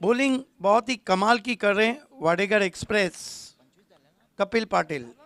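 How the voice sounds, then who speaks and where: A male commentator calls a live tennis-ball cricket match with quick wit, getting loud on the big moments. His high, bright voice is smooth and crisp, captured in a close, dry recording.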